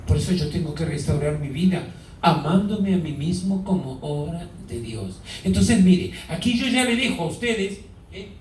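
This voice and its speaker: Priest, male, high voice, drawn-out emphatic preaching; caught from afar in a roomy church. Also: animated, darkish tone, a little hiss or hum. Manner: asks the congregation questions, drawn-out emphasis. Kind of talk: sermon. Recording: echoey hall, mic far off.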